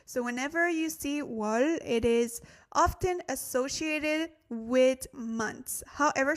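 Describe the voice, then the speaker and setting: Chatty higher-voiced woman teaching live. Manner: chatty, thinks aloud and corrects herself; addresses viewers directly, thanks new followers. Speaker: language teacher hosting a livestream. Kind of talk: casual livestream lesson.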